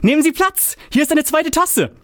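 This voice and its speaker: A man's voice: very high voice, animated, normal speed, a bit bright, no room sound, studio quality, pitched above the performer's own voice. A man voicing a wry, playful young male moralist while reading a novel aloud. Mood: theatrical. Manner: wry, theatrical.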